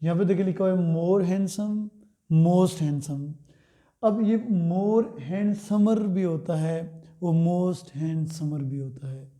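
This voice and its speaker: A man teaching English grammar in Hindi, pronouncing example words slowly and putting questions to his students that he answers himself. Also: high-pitched, dark tone. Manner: slow, drawn-out words, asks and answers his own questions. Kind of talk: Hindi-language grammar lesson.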